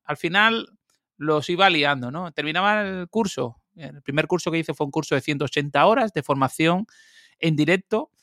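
Man, interview guest, lively casual storytelling, dry close recording. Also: a little high, no room sound. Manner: lively, animated, quick asides and laughs.

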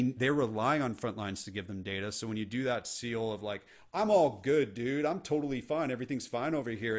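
A middle-aged man, a leadership coach, talking earnestly and casually as a podcast guest. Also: lowish voice. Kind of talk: podcast interview conversation.

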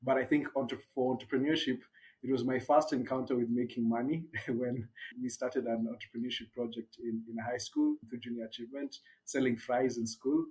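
A Kenyan man in his thirties speaking as a guest in a relaxed interview. His voice sits at an everyday middle pitch, and he talks easily about his background, laughing now and then. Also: brisk, poor audio. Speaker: startup founder, guest. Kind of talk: casual interview talk.

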